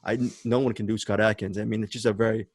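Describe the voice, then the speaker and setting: A man's voice: lowish voice, little pitch movement, fast, husky, dry recording. A man hosting a film podcast, chatting enthusiastically about a movie and often repeating words as he searches for phrasing. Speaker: podcast host.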